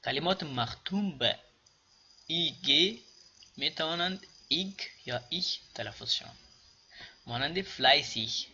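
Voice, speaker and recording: A man with an Afghan Dari accent, teaching German pronunciation and repeating example words slowly before explaining them. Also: fairly high pitch, expressive, pushed and bright, slightly rough, lo-fi sound. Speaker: language teacher. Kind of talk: pronunciation lesson.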